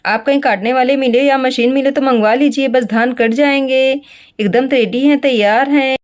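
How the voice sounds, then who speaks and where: A helpful young farmer back from the fields, as a woman voices him in a storybook tale, giving a plain, reassuring report. His voice sits high, close to the narrator's own. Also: steady tone, normal speed, natural voice.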